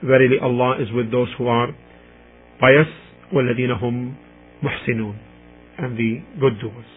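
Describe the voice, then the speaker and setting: A man gives a religious lecture in measured, deliberate phrases, alternating between recitation and translation. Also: medium pitch, steady tone, faint music behind. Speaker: Islamic lecturer. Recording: muffled, tinny radio-like sound.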